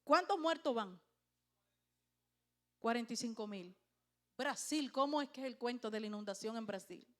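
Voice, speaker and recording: A woman's voice: a little high, expressive, moderate pace, long pauses, fairly bright tone. A middle-aged woman pastor, preaching a sermon and firing questions at her congregation.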